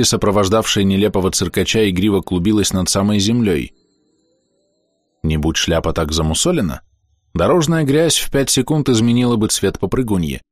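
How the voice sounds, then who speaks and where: A man reading a fantasy novel aloud as an audiobook narrator, measured and expressive, slowing down for dramatic moments. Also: low-pitched, dry recording. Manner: measured, expressive storytelling with slowed dramatic pauses.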